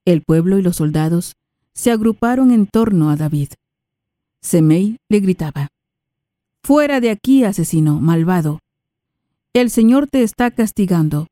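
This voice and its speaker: A woman reading prayers, scripture and a psalm aloud in a measured, reverent way. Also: medium pitch, mellow, dry recording, studio quality. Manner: measured, reverent, unhurried phrasing. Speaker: liturgical reader. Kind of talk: slow solemn scripture reading.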